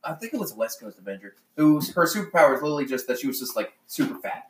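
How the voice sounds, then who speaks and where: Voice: medium pitch, sing-song, rapid-fire, echoey room, far from the mic, a little hiss or hum. A speaker in casual anime chat, throwing in wry, swearing asides.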